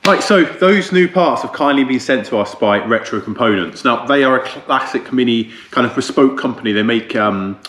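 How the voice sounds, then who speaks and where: A man's voice: medium pitch, lively intonation, moderate pace, hardly any pauses, fairly bright tone, soft background music. A man chatting casually to camera, explaining things in an informal, rambling way. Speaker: car restoration vlogger, presenter. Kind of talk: casual vlog talk to camera. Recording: roomy echo, faint background noise.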